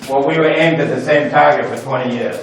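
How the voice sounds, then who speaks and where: A man's voice: medium pitch, steady tone, fast. An older man guiding visitors with emphatic storytelling in short phrases, his voice echoing inside a silo. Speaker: tour guide. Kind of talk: guided tour narration to visitors. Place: echoing underground missile silo on a tour. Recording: echoing inside a silo, distant mic, faint noise.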